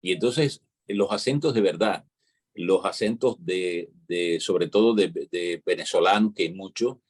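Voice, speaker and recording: Husky Cuban man explaining at length. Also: low voice, a little slow. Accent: Cuban Spanish. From Cuba. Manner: lecturing, explanatory, peppers talk with "¿entiendes?". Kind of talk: casual talk-show conversation.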